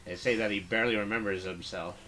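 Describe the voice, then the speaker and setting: A man's voice: on the low side, steady tone, quick pace, bright, forceful tone, faint music behind. A man giving casual, understated commentary as he plays a game, half talking to himself. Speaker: gamer narrating a playthrough. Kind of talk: casual game commentary, reading dialogue aloud.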